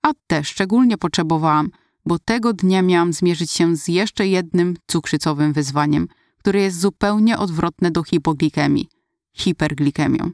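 Woman reading her memoir out loud, lowish voice, steady, dry close sound. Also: moderate pace, no room sound. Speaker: narrator. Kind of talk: first-person memoir narration.

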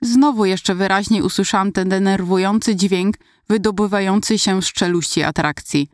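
A woman reads a first-person story aloud in an expressive, lively way. Her voice sits at an everyday middle pitch. The recording is dry and close, with no room echo. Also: moderate pace. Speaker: audiobook reader.

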